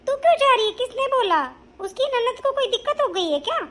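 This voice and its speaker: A woman voicing a strict traditional mother-in-law in an animated family cartoon, lecturing and scolding. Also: very high voice, a little fast.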